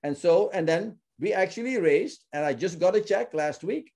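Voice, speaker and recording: A man's voice: high voice, expressive, moderate pace, vocal fry, darkish tone. A man from Suriname who founded a ministry, talking earnestly as a guest and often repeating words as he searches for them. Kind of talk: casual interview talk.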